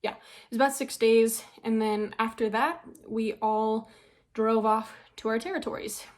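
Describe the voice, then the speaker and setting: A woman's voice: a little high, measured pace, a little mellow. A young woman vlogging in a casual, rambling way, with frequent ums and little laughs, a bit out of breath. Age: young adult. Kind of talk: casual chat.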